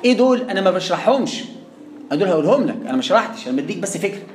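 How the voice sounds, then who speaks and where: A man with an Egyptian accent teaches Quran recitation to a room of students. He talks at a brisk clip, poses questions and answers them himself, and slows down to draw out sounds as examples. The recording is echoey, with a faint hum underneath. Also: high-pitched, big pitch swings. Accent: Egyptian Arabic. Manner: asks and answers his own questions, drawing out sounds to demonstrate. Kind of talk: classroom lesson on recitation rules. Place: classroom with students.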